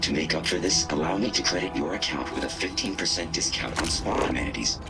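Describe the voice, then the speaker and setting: A polite butler robot who serves at a luxury resort, bowing over every small fault with formal, apologetic courtesy. The voice sits extremely deep, each word smooth and measured, in a video game. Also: male voice, over loud music. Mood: courteous. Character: polite male robot resort concierge servant, endlessly apologetic.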